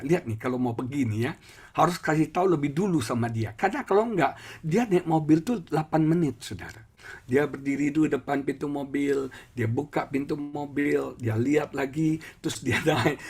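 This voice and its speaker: A middle-aged man preaching a church sermon, telling stories in an animated way and often calling out to the congregation. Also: a little high, husky. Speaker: pastor. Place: church service.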